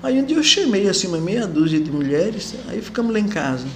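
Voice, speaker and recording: A woman's voice: mid-range voice, quick pace, slight background noise. A woman being interviewed as an activist, recalling the past in casual talk and acting out the voices of the people she quotes. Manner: lively storyteller who acts out quoted voices. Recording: echoey room.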